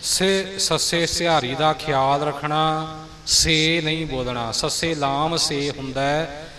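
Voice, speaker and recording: Male teacher, slow and patient, correcting pronunciation, hall reverb. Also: on the high side, steady tone, pushed and bright. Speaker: recitation teacher. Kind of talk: pronunciation instruction.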